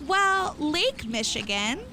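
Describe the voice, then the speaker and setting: A woman's voice: high-pitched, very animated, takes it slowly, noisy background, exaggerated voice. A woman voicing a dopey, earnest, proud cartoon dinosaur mascot in an improvised comedy interview. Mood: earnest, defensive.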